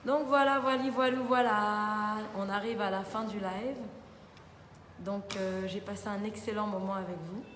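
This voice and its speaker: In a roomy, reverberant studio with faint background noise, a young adult woman who works as a TV columnist runs an informal live Q&A built on viewer comments. Her voice is mid-range, steady and fairly bright, at a moderate pace, sprinkled with repeated little interjections.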